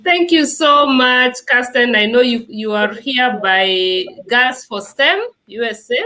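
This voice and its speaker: A Kenyan woman in her thirties talks as a guest in an interview, friendly and easygoing, with plenty of "you know" fillers. Her voice sits a little high and rings bright and clear. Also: expressive, slow pace. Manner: chatty, many fillers, laughs easily. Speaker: guest, nurse and immigration adviser. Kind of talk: conversational interview.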